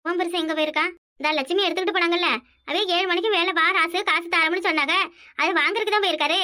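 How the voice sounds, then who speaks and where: A woman with a Kanyakumari Tamil accent voices village women in a family cartoon. Her voice is very high and bright, and she talks quickly in bickering village chatter. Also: steady tone. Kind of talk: animated village cartoon dialogue.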